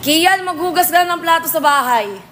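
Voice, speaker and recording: A woman's voice: very high-pitched, animated, normal speed, a bit bright. A woman hosting a casual live stream, answering viewer comments with playful, teasing comebacks. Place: billiards venue.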